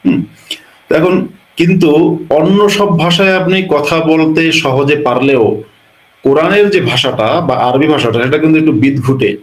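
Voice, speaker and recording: A man's voice: on the high side, measured pace. A man from Bangladesh, a religious scholar explaining an answer and piling up rhetorical questions. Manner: lecturing, piles up rhetorical questions. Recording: roomy echo.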